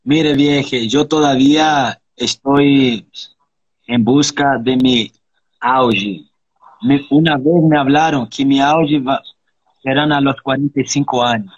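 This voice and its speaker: A man's voice: mid-range voice, fairly even intonation, slow pace, no room sound, lo-fi sound. A man in his thirties from Brazil, talking earnestly and reflectively in a casual interview, often ending thoughts with a question. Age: 30s. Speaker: interviewee, capoeira practitioner.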